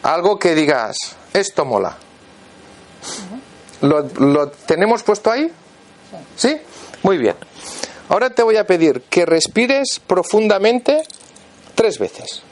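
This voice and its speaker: A man walks a volunteer through a demonstration in front of an audience. His voice sits high and swings up and down. He keeps checking in with short questions as he gives each instruction. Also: very animated, slow, pauses often, a little hiss or hum. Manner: instructive, checks in constantly with "vale". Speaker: therapist leading a live demonstration.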